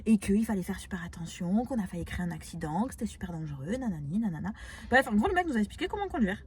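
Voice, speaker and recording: Woman vlogger, quick indignant storyteller, light background hum. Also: medium pitch. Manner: animated, indignant retelling with laughs. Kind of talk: casual storytelling.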